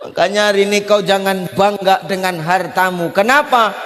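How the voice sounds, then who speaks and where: A male preacher giving a humorous sermon, animated and joking, often putting questions to the audience. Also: sits high, moderate pace. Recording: long reverb in a hall.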